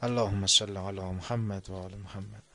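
A man preaching a sermon, telling a story and dropping to a low, hushed tone on reflective passages. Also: fairly even intonation.

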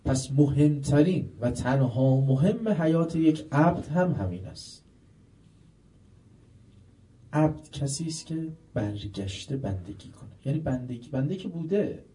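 A man giving a religious sermon, putting rhetorical questions to his listeners and swinging between loud emphasis and quiet asides. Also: mid-range voice, very animated, far from the mic, low-quality recording. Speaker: preacher.

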